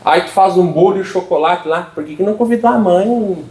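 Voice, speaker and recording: A man's voice: sits high, brisk, a little mellow. A middle-aged man, preaching a folksy, humorous sermon and asking for amens from the congregation. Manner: humorous, folksy preaching with frequent call-and-response. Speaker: pastor. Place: church. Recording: echoey church from a distance.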